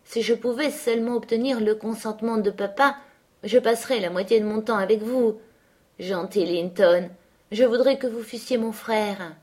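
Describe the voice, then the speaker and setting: A woman reading aloud, voicing an earnest, quick-tempered teenage girl with an eager, indignant manner. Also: a little high, a little mellow, voice pushed up, lightly acted.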